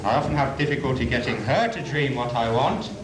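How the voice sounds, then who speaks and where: A man's voice: mid-range voice, fairly quick, natural voice. A man playing a grand, wry dream spirit in a community pantomime, with declamatory theatrical delivery. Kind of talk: community pantomime stage acting. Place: on stage in a school hall. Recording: noisy, echoey 1980s school hall video.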